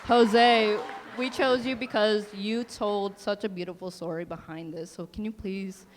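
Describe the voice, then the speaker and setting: A woman's voice: medium pitch, steady tone, measured pace. A woman presenting awards as a fashion show emcee, speaking to a live crowd. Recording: echoey hall, faint crowd noise. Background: crowd and event ambience.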